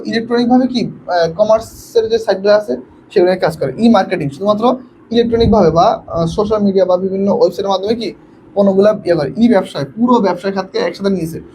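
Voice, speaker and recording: A young man from Bangladesh teaching an online admission coaching class, quizzing students and urging them to answer quickly, often repeating himself and mixing in English words. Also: high-pitched, dark tone, a little hiss or hum, low-quality recording. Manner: repetitive, mixes in English words.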